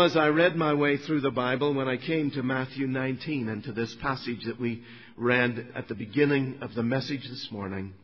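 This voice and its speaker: A man's voice: mid-range voice, slightly rough, long reverb tail, lo-fi sound. A middle-aged man, preaching a sermon and telling his own story to the congregation with earnest asides. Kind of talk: sermon testimony.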